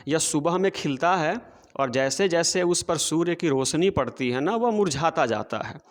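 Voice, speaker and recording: A male teacher explaining a poem to students, reading verse lines slowly and then explaining them, repeating words for emphasis. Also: a little high, long reverb tail. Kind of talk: poetry lesson explained to students.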